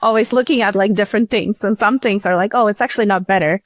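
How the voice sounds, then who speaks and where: A woman with a mid-range voice talks fast in a clean, studio-quality recording with no room sound. She's a startup CEO being interviewed, answering in a casual, chatty way, often restarting sentences and leaning on filler words.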